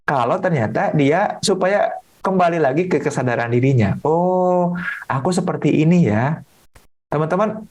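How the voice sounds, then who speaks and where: A man's voice: a little high, darkish tone. A man, a counselor giving a casual webinar talk, asking rhetorical questions and acting out short dialogues. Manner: conversational, rhetorical questions, acts out little dialogues.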